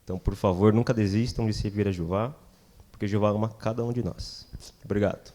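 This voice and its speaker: A man's voice: on the low side, steady tone, a little fast, dark tone. A man with a Brazilian Portuguese accent, a groom giving an earnest, devout thank-you speech. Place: wedding reception.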